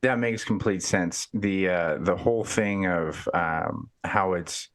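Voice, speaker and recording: Hosting a casual interview on his fitness podcast, a man keeps things upbeat and chatty, frequently repeating words as he works out his thoughts. He speaks slowly, with a low-set voice that is a bit bright.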